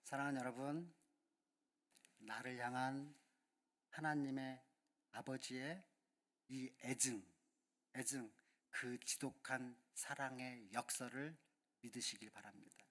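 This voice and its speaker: A man's voice: mid-range voice, steady tone, takes it slowly, long pauses, a bit bright. A male pastor giving a sermon and speaking earnestly and directly to the congregation.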